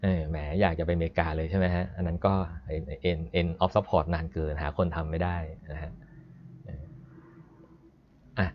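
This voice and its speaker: Man, low voice, chatty coding instructor on a live class; dull lo-fi sound. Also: fairly even intonation, a little hiss or hum. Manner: chatty and explanatory, stops to read code aloud slowly. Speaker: programming instructor. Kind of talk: live-streamed coding lesson. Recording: dull lo-fi stream audio.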